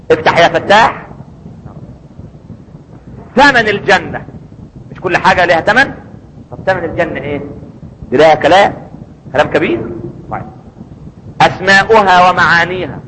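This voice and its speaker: Man, Egyptian accent, sermon, high bright voice, faint room ambience. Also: big-room sound, a little hiss or hum, rough recording. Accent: Egyptian Arabic. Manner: emphatic, rhetorical questions answered himself. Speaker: preacher.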